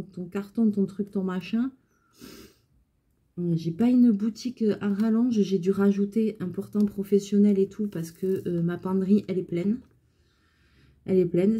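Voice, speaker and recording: A woman's voice: mid-range voice, dark tone, slightly rough. A woman who runs a clothing alterations shop, chatting casually and venting with exasperation about her customers.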